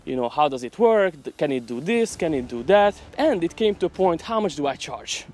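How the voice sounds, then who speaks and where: A man's voice: fairly high pitch, very animated, brisk, darkish tone. A man talking casually to camera in a vlog while walking outdoors, in an upbeat, salesy, chatty way. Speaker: vlogger.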